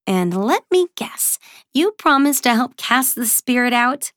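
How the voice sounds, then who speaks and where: A woman voicing a cold undead young woman who scolds and teases in a raised, bright voice. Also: on the high side, big pitch swings, no echo, studio quality, pitched above the performer's own voice. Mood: teasing. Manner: scolding, quick, teasing.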